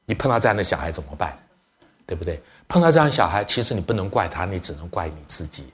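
A middle-aged man preaches as a church elder, his voice sitting fairly low. He tells family stories in a lively way, acting out both sides of conversations and slipping English phrases into his talk. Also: quick pace. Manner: lively storyteller, acts out family dialogue; drops English phrases into speech. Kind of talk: sermon storytelling to parents.

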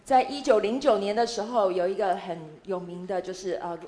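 A woman interpreting a sermon phrase by phrase, speaking in quick chunks with frequent filler sounds. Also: medium pitch, dark tone. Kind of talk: consecutive interpreting at a church talk.

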